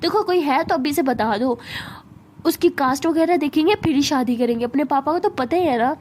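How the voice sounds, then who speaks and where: A caring middle-aged mother, chatty and a little scolding. A woman puts her on as she tells the story, in a high voice with faint noise behind. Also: expressive, moderate pace, darkish tone.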